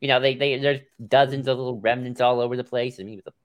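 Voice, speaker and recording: A man co-hosting a live podcast in casual chat, musing in a relaxed way with many ums and you-knows. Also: mid-range voice, quick pace. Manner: easygoing, filler-heavy musing with laughs. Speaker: podcast co-host.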